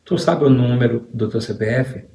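A man's voice: mid-range voice, normal speed. A man with a Brazilian accent telling a story in casual, slangy talk and acting out what others said. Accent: Brazilian Portuguese. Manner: animated and slangy, often acting out quotes. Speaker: commentator exposing a preacher. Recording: roomy echo.

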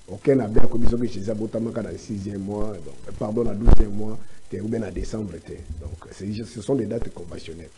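In a studio discussion, a man with a Congolese French accent delivers preachy commentary on church life, quoting scripture and lecturing at length with halting restarts. His voice sits on the low side with a steady tone, and the recording is very noisy.

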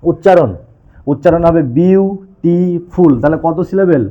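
Male physics teacher, quick classroom delivery, fires questions at students and answers them, tinny lo-fi audio. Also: a little high. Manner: addresses students informally. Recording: tinny, phone-like sound.

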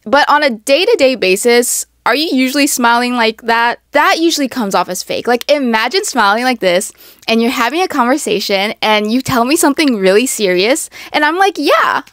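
A woman's voice: on the high side, animated, moderate pace, a bit bright, no echo, clean studio sound. A young woman hosting a casual advice talk, chatty and full of "like" and "literally.". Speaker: host.

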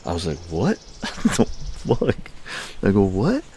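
With slight background noise around him, an older Canadian livestream host speaks slowly from his outdoor patio, telling a story to the live chat. The telling is animated and full of laughter and crude swearing, and he performs quotes in higher-pitched voices.

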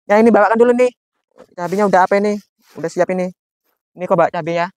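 A man acting a grumbling, quick-tempered village mother in a slapstick sketch. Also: sits high, a little mellow, slight background noise. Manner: grumbling, mocking asides. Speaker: comic actor.

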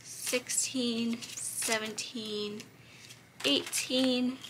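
Young woman vlogging her budget, kinda high voice cracking a bit, counting bills out loud, noisy background hiss. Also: fairly even intonation, extremely slow. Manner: chatty, counts bills aloud, light laughs. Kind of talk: casual chat while counting cash.

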